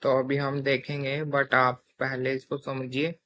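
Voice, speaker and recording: His delivery completely flat yet bright and forceful, a young man with a mid-range voice teaches coding at a measured pace. The lesson is conversational, moving through each step as he frequently asks "theek hai."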